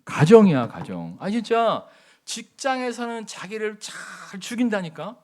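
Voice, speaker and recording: A middle-aged male pastor giving a sermon in a storytelling way. His voice sits a little high and jumps around a lot as he acts out the people in his stories. He mixes light humor into his preaching. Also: unhurried. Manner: animated storytelling, acting out biblical quotes, folksy humor.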